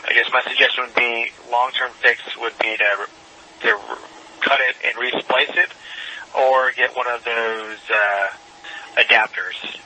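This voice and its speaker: A man's voice: medium pitch, steady tone, unhurried, sharp tone, a little hiss or hum, low-quality recording. A man who is an astronaut, speaking informally in procedural exchanges over a space radio link. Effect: space radio transmission. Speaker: astronaut crew member.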